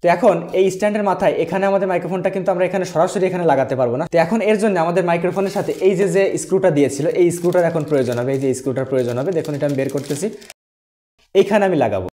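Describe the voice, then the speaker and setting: Guy doing a mic review at his desk, talks quick, kinda high voice. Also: dark tone. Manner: explanatory, addresses viewers directly. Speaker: tech reviewer. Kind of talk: product review and sound test. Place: at a desk indoors. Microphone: desk USB dynamic microphone on an arm stand.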